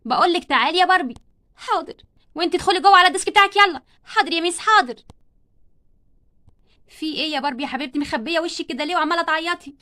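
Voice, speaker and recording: A woman with an Egyptian accent voicing a strict, sharp-tongued schoolteacher who scolds her class in a doll play story. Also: very high voice, racing, pauses often. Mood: scolding. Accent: Egyptian Arabic. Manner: scolding, bossy.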